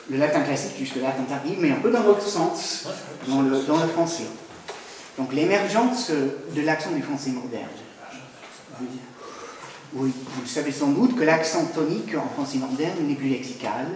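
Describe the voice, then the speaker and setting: A man giving an academic talk on language history, hesitant with frequent pauses and fillers. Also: medium pitch, lively intonation, a little mellow, heavy reverb, recorded from a distance, a little hiss or hum, poor audio. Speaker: lecturer.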